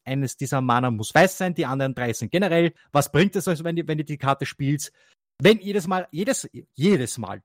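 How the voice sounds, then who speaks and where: A man's voice: on the high side, no room sound, studio quality. A man chatting casually about a card game on a podcast, rambling with many restarts and fillers and laughing often. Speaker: co-host.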